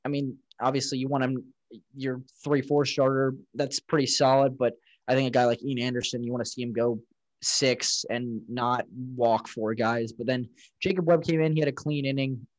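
A man's voice: medium pitch, fairly even intonation, normal speed, no room sound, muffled recording. A man co-hosting a casual sports chat, recapping plays in a rambling way with lots of fillers. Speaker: podcast co-host.

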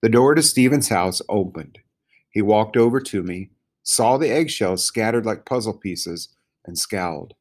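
A man narrating a children's storybook in a gentle, measured way. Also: fairly low pitch, expressive. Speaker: audiobook narrator.

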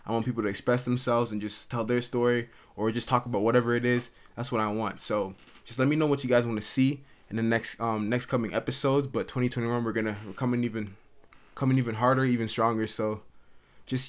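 A man's voice: mid-range voice, steady tone, fairly quick. A young man hosting his own podcast from his mother's house, talking earnestly and ramblingly into the camera, with lots of "like" and restarts. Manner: earnest, rambling, heavy use of "like". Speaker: podcast host. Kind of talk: casual solo monologue. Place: at home in his mother's house, dimming light. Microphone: camera recording.

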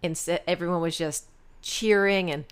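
A woman with a fairly low voice chats casually and tells stories with animated energy. She talks the way people do with a friend, easy and lively. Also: normal speed, clean tone. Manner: chatty, animated storyteller. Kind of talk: casual chat.

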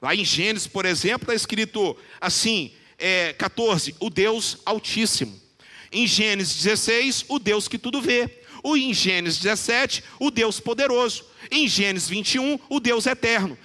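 A male preacher with a very high, bright voice that carries through a church with long reverb. He builds up emphasis and slows right down on the scripture he quotes. His delivery is earnest and persuasive. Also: expressive. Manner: preaches with rising emphasis, quoting scripture with slow deliberate phrasing. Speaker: pastor. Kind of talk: sermon.

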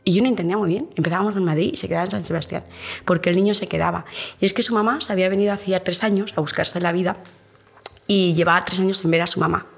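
A woman tour guide in an interview, telling her work stories in a lively way and acting out the dialogue. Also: fairly low pitch, very fast, creaky, breathy edge. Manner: animated storyteller, acts out dialogue with many restarts.

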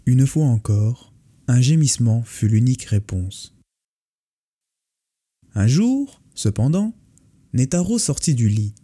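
A man narrating a folk tale in a calm, measured way. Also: mid-range voice, husky. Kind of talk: storybook narration. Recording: faint music behind the voice. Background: faint music.

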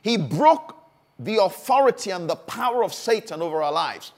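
A man's voice: sits high, very animated, moderate pace. A man preaching a sermon, stressing phrases by repeating them, with frequent fillers and restarts.

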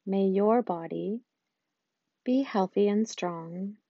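A woman guiding a loving-kindness meditation in a slow, soft and soothing way, with long pauses. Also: mid-range voice, no room sound, highs cut off. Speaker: meditation guide.

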